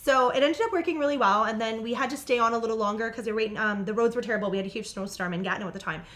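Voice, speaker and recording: Fast-talking, candid woman. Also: on the high side. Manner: candid and animated, swears freely, laughs while telling stories. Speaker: podcast guest. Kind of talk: casual storytelling.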